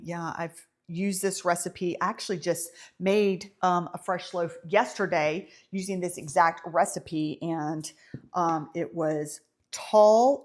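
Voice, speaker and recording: A woman with a warm Southern lilt talks through a bread recipe in a home kitchen. She is casual and chatty, fills gaps with ums, and teases herself about small slips along the way. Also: lowish voice. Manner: chatty, self-amused, many ums. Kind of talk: casual baking tutorial.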